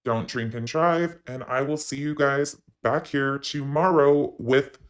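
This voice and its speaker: A man's voice: mid-range voice, unhurried. Man's voice through a voice changer. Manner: opinionated, addresses viewers directly. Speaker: commentary channel host. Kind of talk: online commentary recap.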